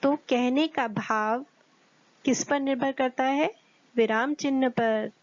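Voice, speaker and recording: A woman teacher explaining a grammar lesson to children, slowly and clearly, asking them questions as she goes. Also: sits high, fairly even intonation, no room sound. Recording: dull, dry lo-fi recording.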